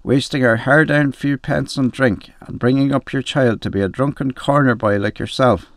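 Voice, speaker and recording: A man's voice: medium pitch, moderate pace, no echo, clean studio sound, voice pushed up, lightly acted. A man voicing a furious, bitter mother who accuses her husband in a story reading. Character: raging bitter mother, hysterical.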